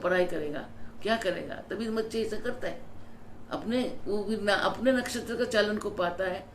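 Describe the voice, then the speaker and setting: A woman spiritual teacher telling her own story in a devotional sermon, repeating key words slowly for emphasis. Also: medium pitch, a little mellow, roomy sound, a little hiss or hum.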